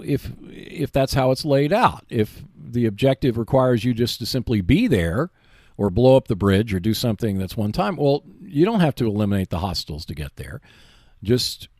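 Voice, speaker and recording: Offering board wargaming tips on his tabletop gaming show, a man explains things emphatically and reassuringly. He has a mid-range, darkish voice, recorded at studio quality without echo.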